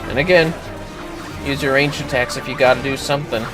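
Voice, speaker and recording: Brisk and steady, a medium-pitched man hosts a livestream, casually discussing a game and explaining how it's played. Game music sits behind his voice.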